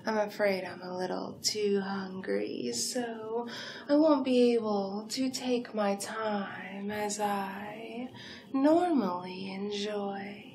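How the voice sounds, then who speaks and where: A woman performs an in-character ASMR hypnosis roleplay as a seductive, hungry vampire villainess who is hypnotic and poised, speaking very slowly in a mid-range voice over a noisy background. Her delivery is breathy and deliberate, often sinking into whispers, and her mood is hungry and teasing.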